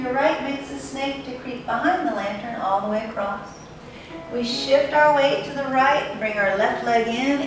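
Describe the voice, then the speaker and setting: Woman instructor in a very echoey room. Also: a little high. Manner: unhurried, instructive, short measured phrases. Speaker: tai chi instructor. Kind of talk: step-by-step guided movement instruction. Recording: very echoey room, distant mic, music behind.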